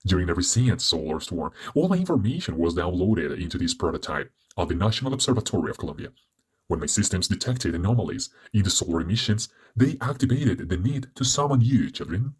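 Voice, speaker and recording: A man voices a chatty, upbeat robot satellite in a heavily acted, husky, lowish voice that comes out robotic and sparkling. His explanations are theatrical, lively and drawn out, with soft music underneath.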